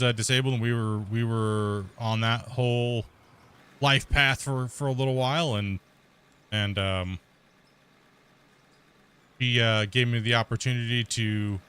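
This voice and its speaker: A man's voice: medium pitch, fairly bright tone, smooth. A man hosting a gaming channel, talking casually and rambling with lots of fillers while he plays a mining game. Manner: rambling and chatty, many fillers and restarts.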